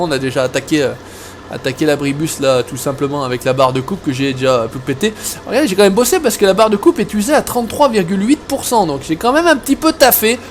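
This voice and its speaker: A man's voice: fairly high pitch, a little hiss or hum. Chatty man rambling over a farming game. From Savoie, France. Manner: rambling, joking, many fillers and restarts. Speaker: gaming video host. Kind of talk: casual let's-play chat. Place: at home.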